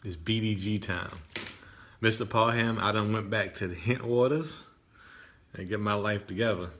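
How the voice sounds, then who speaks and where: Casual low-voiced man streaming live. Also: normal speed, a bit bright. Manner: conversational, often tags lines with "right?". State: morning voice.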